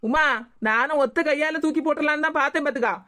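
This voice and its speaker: A woman's voice: high-pitched, fast talker, sharp tone, slight background noise, voice pushed down. A woman voicing a bossy young village woman in a cartoon, speaking Kanyakumari Tamil.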